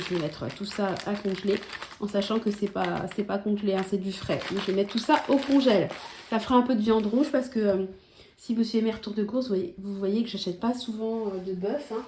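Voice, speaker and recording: A woman chats to her viewers in a casual vlog, wandering through asides and hesitations. Her medium-pitched voice rings in an echoey room with a light background hiss. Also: normal speed. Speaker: vlogger showing her grocery haul. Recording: echoey room with faint noise.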